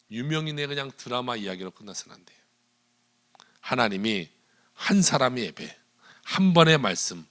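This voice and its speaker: A male pastor preaching a sermon in a church, retelling a story with animated delivery and quoted dialogue. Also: medium pitch. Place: church sanctuary.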